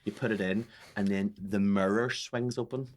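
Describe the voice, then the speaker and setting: A man co-hosting a comedy podcast, telling stories in an animated, sweary way. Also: on the low side, normal speed. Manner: animated storyteller, swears freely, drops into silly voices. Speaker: podcast co-host. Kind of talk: casual comedic chat.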